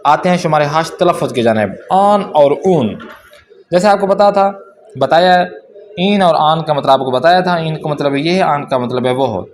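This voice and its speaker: A man teaching a language class, explaining a workbook and reading example sentences slowly and carefully. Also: fairly high pitch, slight background noise.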